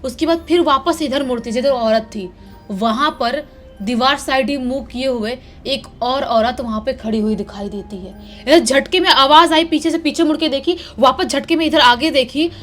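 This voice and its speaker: A woman's voice: high voice, moderate pace, a bit bright, faint music behind. A woman narrating a horror story in a dramatic, suspense-building way.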